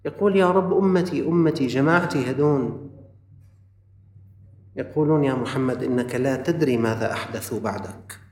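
A man with a Levantine Arabic accent preaching a sermon, moving from loud urging to quiet, earnest asides. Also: mid-range voice, brisk, long pauses. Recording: roomy, distant from the mic.

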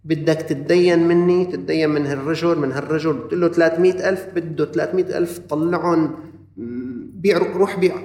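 A man with a Levantine Arabic accent delivers a fast, impassioned sermon, swinging between loud exhortation and quiet asides. His voice sits a bit high, and he is heard from a distance in an echoing room. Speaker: preacher. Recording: roomy, distant from the mic.

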